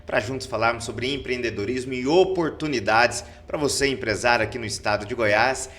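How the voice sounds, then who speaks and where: A man's voice: medium pitch, a little fast, a bit bright. Upbeat male podcast host. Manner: upbeat announcer-like delivery, reads sponsor list. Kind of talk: podcast interview.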